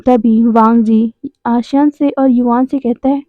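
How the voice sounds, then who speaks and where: A woman's voice: a little high, steady tone, a little slow, dry recording, narrow, tinny audio. A woman narrating a fan fiction story, reading out the characters' lines in a slightly lifted voice, recorded on a phone. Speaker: fanfiction narrator. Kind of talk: storytelling narration with acted dialogue.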